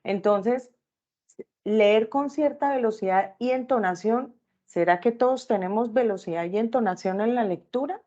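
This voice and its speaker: A woman's voice: on the high side, normal speed, mellow, muffled recording. Teacher checking in with her class. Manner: checks in with listeners often with tag questions.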